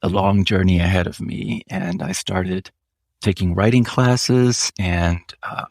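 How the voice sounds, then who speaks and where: A Swiss author with German as his first language gives interview answers in a deep, gravelly, darkish voice. His manner is measured and reflective, with frequent slowdowns and fillers, and the studio sound is clean and echo-free.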